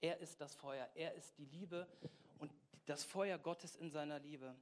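A man preaching a sermon with passion, swinging between quiet intensity and loud exhortation, often putting questions straight to his listeners. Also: a little high, a little slow. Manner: asks the audience direct questions.

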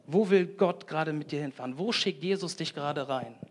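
A man preaching a sermon to a congregation, energetic and emphatic, putting direct questions to the listeners. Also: on the high side, brisk, slight background noise. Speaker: lay preacher. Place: church hall with congregation.

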